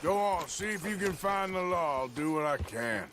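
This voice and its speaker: A man voicing a calm, gruff outlaw gunslinger who speaks in short, terse lines. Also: normal speed, background noise, lightly acted. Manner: terse, gruff, low-key.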